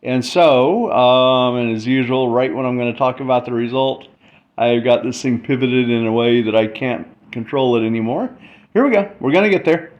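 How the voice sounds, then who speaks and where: A presenter explaining math gives an informal explainer, thinking aloud in short, stop-start phrases while he demonstrates. His voice is medium-pitched and moderately paced. A dull lo-fi mic picks him up with faint background noise.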